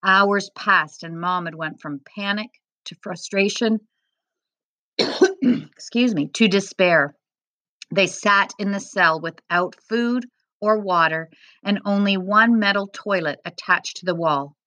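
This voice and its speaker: A woman teacher reading a novel chapter aloud to her class in a steady, expressive voice. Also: mid-range voice, slow pace, dry recording.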